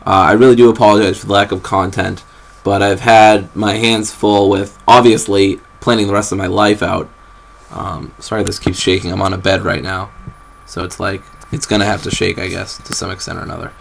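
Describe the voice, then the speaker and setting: A young man talks into his camera's built-in mic while sitting on a bed, drifting from topic to topic. His voice sits low and gravelly, and it is full of ums, restarts and apologies. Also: level tone, fairly quick, slight background noise. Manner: rambling, apologetic, with many fillers and restarts. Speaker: vlogger. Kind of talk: rambling casual vlog.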